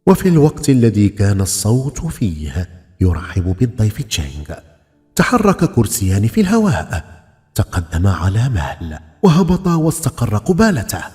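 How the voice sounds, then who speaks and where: A man narrating a folk tale with dramatic, lively storytelling and voiced dialogue. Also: lowish voice, moderate pace. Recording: long reverb with faint music.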